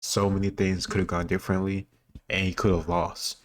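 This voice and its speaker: A man reacting to a history quiz video talks a little fast in a low voice with little pitch movement. His commentary is casual, informal, and rambling, like he's thinking out loud.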